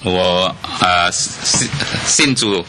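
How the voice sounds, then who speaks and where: A man's voice: low voice, extremely slow, background noise. A man preaching a sermon to a congregation, often asking them questions and dropping in "ah" fillers. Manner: lively, asks the congregation questions, many "ah" fillers.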